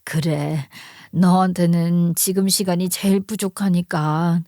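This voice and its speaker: A woman's voice: on the low side, steady tone, takes it slowly, mellow, no room sound, studio quality. A woman voicing an older mother-in-law who sighs and sounds pitying and a little condescending. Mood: sighing.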